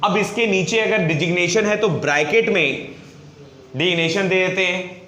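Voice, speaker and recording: A male teacher giving a grammar lesson at a board, asking and answering his own questions and slowly dictating example phrases. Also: high-pitched, sharp tone. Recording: echoey room.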